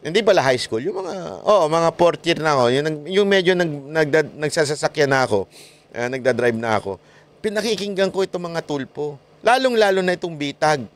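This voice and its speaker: A man giving casual political commentary as a vlogger, animated and mocking, laughing often between points. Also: a little high, fairly quick.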